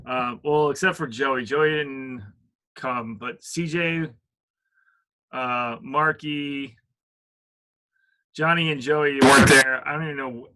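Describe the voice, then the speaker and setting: A man's voice: mid-range voice, slow, pauses often, sharp tone. A middle-aged man casually telling a story, rambling with lots of fillers and restarts. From Richmond, Virginia.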